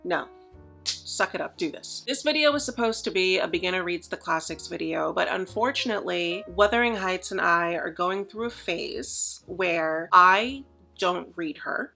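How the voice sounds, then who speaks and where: A woman talking casually in a reading vlog, chatty and self-deprecating, often dropping to a low mutter. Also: gravelly, pushed and bright. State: short of breath. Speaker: book vlogger.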